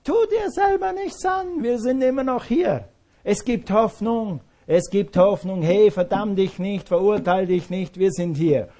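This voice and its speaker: A preacher voicing a loud, emphatic apostle. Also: male voice, sits high, unhurried, pitched above the performer's own voice. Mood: pleading. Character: male apostle, taunting or urging, bold.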